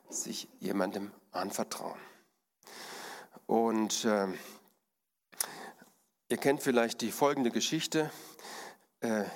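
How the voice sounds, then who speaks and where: A man preaching a sermon with slides, explaining calmly and often pausing with fillers. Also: mid-range voice, long reverb tail. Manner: calm, explanatory, with frequent fillers.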